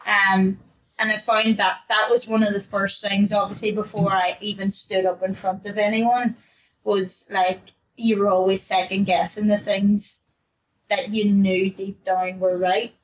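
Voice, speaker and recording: A woman's voice: mid-range voice, little pitch movement, a little slow, low-quality recording. A young adult woman, a newly qualified fitness coach, chatting casually on a podcast, laughing often and acting out her past self.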